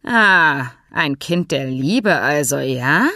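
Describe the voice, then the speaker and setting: A woman reading an audiobook, voicing a loud, choleric, heavyset male horse owner who blusters and growls. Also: low voice, slow, dry recording, clean studio sound, exaggerated voice. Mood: menacing. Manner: explosive shouting, then dangerously calm.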